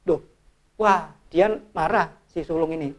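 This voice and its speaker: A middle-aged man, an evangelist, retelling a Bible parable in an informal, animated way as he draws lessons from it. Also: fairly high pitch, unhurried. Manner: animated storyteller, informal, restarts and fillers. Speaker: evangelist and ministry leader. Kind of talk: sermon-style Bible storytelling in a discussion.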